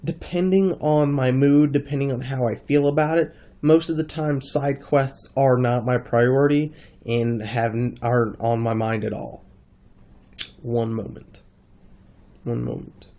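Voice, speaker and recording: A man with a congested, stuffy-nosed voice talking casually in a rambling gaming vlog, halting as he thinks. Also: medium pitch, warm tone. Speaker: gaming video creator.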